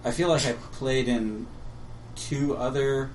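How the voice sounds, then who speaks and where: A man's voice: mid-range voice, steady tone, slow, a little mellow, far from the mic, a little hiss or hum, poor audio. A man co-hosting a podcast, chatting casually and trailing off as he recalls things. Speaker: podcast co-host. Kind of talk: casual chat.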